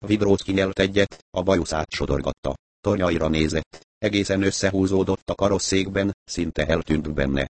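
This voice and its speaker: A man narrating an audiobook in a steady, even storytelling manner. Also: deep voice, no room sound. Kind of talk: audiobook reading.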